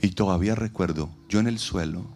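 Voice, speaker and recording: Low-voiced preaching man. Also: a little mellow, a little hiss or hum. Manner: preaching with dramatic pauses and acted-out quotes. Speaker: pastor. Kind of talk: sermon. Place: outdoor event.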